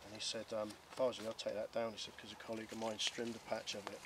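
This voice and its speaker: A man's voice: fairly low pitch, completely flat delivery, fast. A British man in casual, matter-of-fact conversation outdoors, talking like one bloke to another. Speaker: bushcraft companion. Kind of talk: casual chat. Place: outdoors among undergrowth. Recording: distant mic, clear background noise outdoors.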